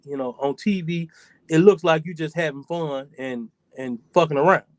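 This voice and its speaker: Rambling and profane, a forties-aged podcast host keeps things loose in casual chat. His voice is on the high side at a normal speed, captured in a dry recording.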